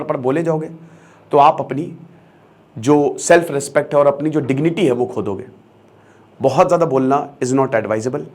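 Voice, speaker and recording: A man's voice: mid-range voice, a little mellow. A young man giving an emphatic motivational lecture as an online educator, switching between Hindi and English and repeating key phrases for stress.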